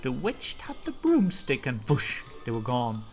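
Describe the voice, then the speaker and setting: A woman storyteller reading a children's story aloud in an animated narration style. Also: rumbling low, a little slow, faint music behind.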